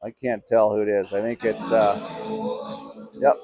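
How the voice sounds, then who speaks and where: A man calling live play-by-play for a youth hockey game, chatty and easygoing, getting louder on big plays. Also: lowish voice, measured pace, music in the background. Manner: chatty, laughs often, rises in excitement on big plays.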